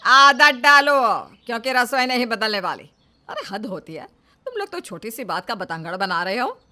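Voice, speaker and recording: Woman voicing stubborn mother-in-law, scolding, loud, bright tone, lively pitch. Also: brisk.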